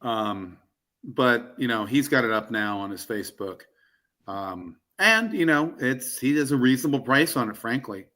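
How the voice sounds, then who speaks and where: Rambling man with a bright voice. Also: medium pitch, animated, moderate pace. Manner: rambling, with many ums and asides. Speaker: co-host of a collecting round table. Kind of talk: casual chat.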